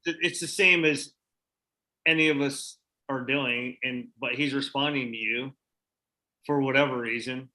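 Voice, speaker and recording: A man's voice: medium pitch, fairly even intonation, a little slow, bright, forceful tone, rough recording. A man in a casual group chat, easygoing and reassuring.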